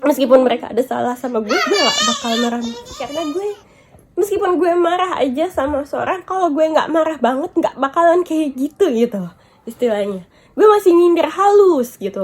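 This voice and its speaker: Woman, high voice, upset and venting, tearful at times, vlog. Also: big pitch swings, moderate pace. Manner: upset, venting, mixing English and Japanese words. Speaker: vlogger. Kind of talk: emotional storytime vlog.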